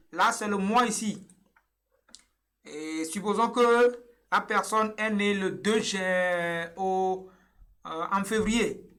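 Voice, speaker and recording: A man's voice: sits high, sharp tone. A young man from Togo walking viewers through an online form step by step, patient and repetitive with frequent hesitations, recorded on a webcam in a small room. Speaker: online tutorial presenter. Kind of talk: screen-share tutorial walkthrough.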